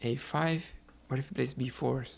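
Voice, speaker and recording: A man from Cuba plays chess on stream, thinking aloud about his moves, often asking "right?" and chatting with viewers between them. He speaks at a moderate pace in a steady, mid-range voice that's a little mellow with vocal fry, over slight background noise.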